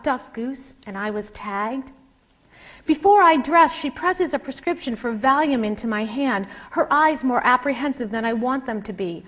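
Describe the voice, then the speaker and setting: A middle-aged woman author reading from her memoir to a live audience and chatting between passages in a wry, candid way. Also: fairly high pitch. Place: lecture room with a live audience.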